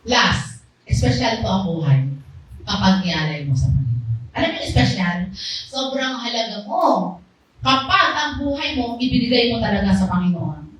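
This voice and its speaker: Woman with a loud, lively voice sharing a church testimony, a touch high, heard from a distance. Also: normal speed. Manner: loud, lively, animated storytelling. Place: small church hall. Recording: very echoey hall, voice far off, faint background noise.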